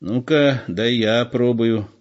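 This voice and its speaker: A shrewd old village man grumbles and scolds in a gruff voice, as a male reader puts him on. He is a sly storybook elder. The recording sounds dull and lo-fi. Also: mid-range voice, takes it slowly, pitched above the performer's own voice, natural voice. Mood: probing.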